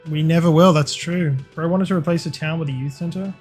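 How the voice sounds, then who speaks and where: Chatty streamer, slightly high voice. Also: male voice, fairly even intonation, a little fast, darkish tone, breathy edge, faint music behind. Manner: chatty, swears freely, playful rants. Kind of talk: casual live-stream chat while gaming.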